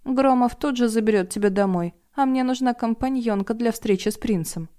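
A woman's voice: fairly high pitch, normal speed, mellow, clear, resonant tone, voice pushed up, close to an everyday voice. A woman voicing a curious, fussy female companion with pert, needling remarks.

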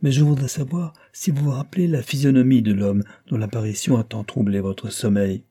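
A man reading aloud voices a sensible young woman who speaks briskly and dismissively to her mother. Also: mid-range voice, steady tone, mellow, husky, voice pushed up, lightly acted. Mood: brisk, questioning.

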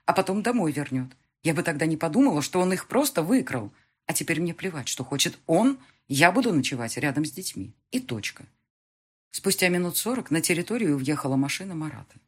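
A woman's voice: on the low side, big pitch swings, fairly quick, breathy edge. A woman reading a first-person audiobook in an emotional, intimate storytelling manner. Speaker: audiobook narrator.

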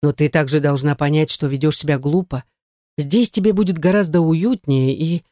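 Stern husband, as a reader plays him, domineering, cold, clipped commands, dry sound. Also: male voice, on the high side, moderate pace, mellow, no room sound, lightly acted. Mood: coaxing.

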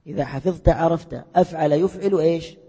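A man's voice: on the high side, fast, mellow, husky. A man teaching a class, quizzing students and repeating their answers back to them. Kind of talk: classroom lesson with questions to students. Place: lecture hall. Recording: echoey hall, muffled lo-fi sound.

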